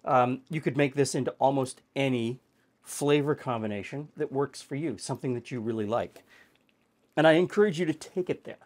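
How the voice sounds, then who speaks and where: A middle-aged man hosts a casual home cooking show, chatting through the steps in a mid-range voice at a fairly quick pace. He's relaxed and chatty, thinking aloud with easy fillers.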